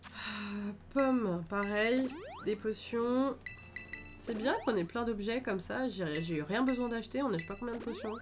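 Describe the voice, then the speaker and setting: A woman's voice: fairly high pitch, moderate pace. A woman hosting a let's-play video, chatting and thinking aloud in a casual, upbeat way with lots of fillers. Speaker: gaming video host. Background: game music.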